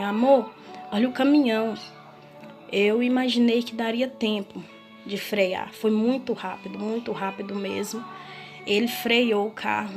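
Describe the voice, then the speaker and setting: A woman with a Brazilian Portuguese accent giving an emotional personal testimony, telling it earnestly and haltingly, often restarting her sentences. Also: mid-range voice. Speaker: testimony speaker. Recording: music playing clearly behind.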